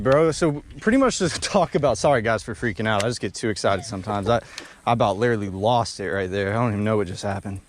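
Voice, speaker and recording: A young man vlogging while bank fishing at a pond outdoors, talking in excited slang and bursting into shouts. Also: medium pitch, a little hiss or hum. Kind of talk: excited outdoor vlog commentary.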